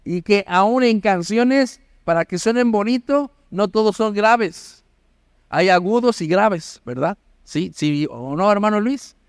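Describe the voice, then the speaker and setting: Higher-voiced pastor preaching with questions. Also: male voice, expressive, slow, smooth, no room sound, clean studio sound. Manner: asks the congregation constant questions. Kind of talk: sermon. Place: church auditorium.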